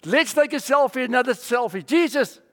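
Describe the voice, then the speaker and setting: Eager attention-seeking young rich man, high and bouncy, gushing, put on by a preacher. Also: normal speed, in a large hall. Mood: excited. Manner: excited, gushing.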